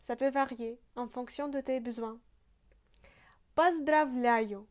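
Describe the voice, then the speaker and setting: A woman with a Russian accent, a native Russian speaker teaching a language lesson, slow and careful, repeating each phrase with frequent hesitations. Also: on the high side, level tone, a little mellow.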